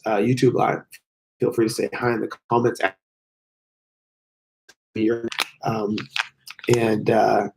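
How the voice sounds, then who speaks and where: An American man chatting casually on a livestream in a hotel room, his voice hoarse, strained, breaking and mostly lost from sickness. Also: mid-range voice, darkish tone. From United States. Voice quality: hoarse, gravelly. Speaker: fitness YouTuber hosting a livestream.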